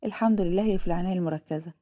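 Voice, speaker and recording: A woman with an Egyptian Arabic accent voicing a kind, chatty nurse in a told story, warm and reassuring. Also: lowish voice, racing, natural voice. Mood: cheerful.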